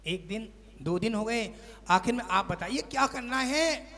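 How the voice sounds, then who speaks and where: A man giving a sermon as a Jain monk, telling a lively story and acting out its household characters before a seated congregation. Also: sits high, unhurried. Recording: long hall reverb.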